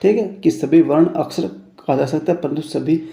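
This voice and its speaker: Patient Hindi teacher, gravelly voice, echoey room. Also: male voice, a little high, moderate pace, mellow. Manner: repeats phrases, addresses listeners as friends. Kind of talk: classroom lesson.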